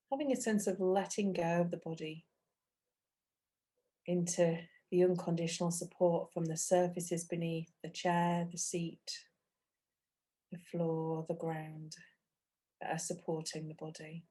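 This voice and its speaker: In a fairly low, very mellow and soft-edged voice, a woman teaches meditation, guiding listeners gently and without rushing. Short phrases are spaced by long pauses.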